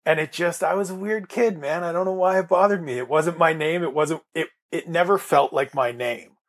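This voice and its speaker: Chatty podcast host man, gravelly. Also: on the high side, normal speed. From Canada. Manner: chatty, rambling with restarts. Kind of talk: casual podcast chat.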